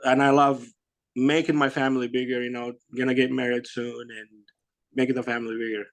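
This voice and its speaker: A man, answering interview questions in a halting, casual way with many fillers and soft laughs. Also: mid-range voice, little pitch movement. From Iraq. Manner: halting, lots of "you know" and "like", laughs softly. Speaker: guest, bodybuilder.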